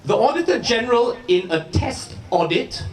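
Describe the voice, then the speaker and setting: A man giving an urgent activist speech at a political rally, emphatic and deliberate, pausing for effect. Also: very high voice, sing-song, echoey room, far from the mic, faint music behind. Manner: emphatic, deliberate public oratory with pauses for effect and rhetorical questions. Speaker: rally speaker, lawyer campaigning for a candidate.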